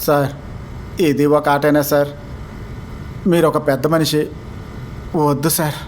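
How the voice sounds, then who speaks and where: A man in a dubbed film comedy scene, pleading fearfully and then mocking with quick, excitable delivery. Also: fairly high pitch, a little hiss or hum. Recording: film soundtrack with music behind.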